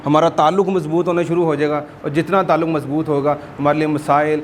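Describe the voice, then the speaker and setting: A man teaches a Quran class in a fairly high voice. He explains patiently and drags out words to show how to say them, with faint hiss in the background. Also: flat delivery. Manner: explanatory, repeats words slowly to demonstrate pronunciation. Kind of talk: informal religious class lesson.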